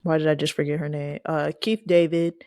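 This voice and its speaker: A woman co-hosting a casual movie review podcast, chatty and quick to laugh. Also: low voice, level tone, warm tone, no room sound, clean studio sound. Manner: chatty, laughing, acts out quoted lines. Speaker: podcast co-host.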